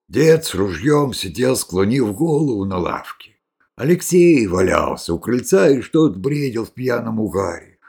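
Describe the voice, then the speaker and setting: A man reading a rustic story aloud in an expressive way, voicing each character himself. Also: mid-range voice, vocal fry, husky. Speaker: narrator.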